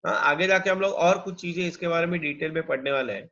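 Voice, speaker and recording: A male chemistry teacher, lecturing in a mix of Hindi and English and dictating definitions slowly, repeating each phrase. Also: fairly high pitch, bright, forceful tone, dull audio.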